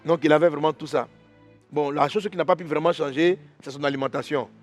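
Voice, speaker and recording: A man preacher tells an animal fable with lively energy, his voice sitting a little high. Soft music plays behind him in the church. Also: moderate pace. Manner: lively storyteller acting out animals, roaring. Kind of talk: devotional storytelling sermon.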